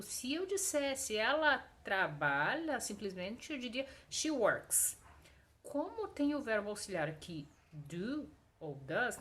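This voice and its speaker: A woman with a fairly high voice that rises and falls a lot gives a grammar lesson on video. She explains patiently and keeps checking in with her viewers. She slows right down to stress each example sentence. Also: a bit bright. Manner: explanatory, checks in often with short tag questions. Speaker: English teacher.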